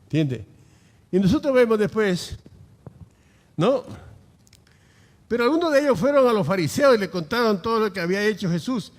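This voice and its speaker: A man's voice: high voice, lively intonation, normal speed, long pauses, big-room sound. A male pastor preaching a sermon, emphatic and full of rhetorical questions.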